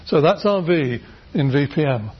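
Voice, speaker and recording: A British man lectures on phonetics to a class, patiently explaining and demonstrating sounds, with plenty of fillers and restarts. His voice sits a little high and sounds husky. The recording of the lecture room is dull and lo-fi. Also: animated, normal speed. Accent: British English. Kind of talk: university lecture.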